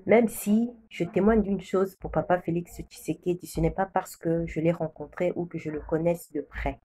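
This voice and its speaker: A Congolese woman preacher shares a prophecy as religious testimony, making solemn declarations again and again. Her voice is lowish and mellow, with a steady tone and normal speed, though the audio quality is poor.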